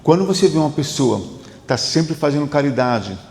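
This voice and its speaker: Male therapist, gravelly mid-pitched voice, emphatic storyteller, roomy hall reverb. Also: animated, moderate pace, darkish tone. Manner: conversational, repetitive, emphatic storytelling. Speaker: psychotherapist. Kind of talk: motivational talk with client stories.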